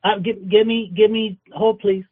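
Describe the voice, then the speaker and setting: A man's voice: high voice, steady tone, moderate pace, breathy edge. A man working as a casting agent, talking hesitantly with many restarts, heard over a phone speaker. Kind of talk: phone call. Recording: tinny phone line.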